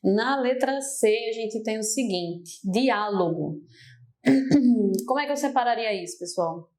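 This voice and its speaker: A woman's voice: fairly high pitch, lively intonation, a little slow, darkish tone. A young adult woman with a Brazilian accent teaching a grammar lesson for exam prep, explaining step by step and often turning to her students. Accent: Brazilian Portuguese.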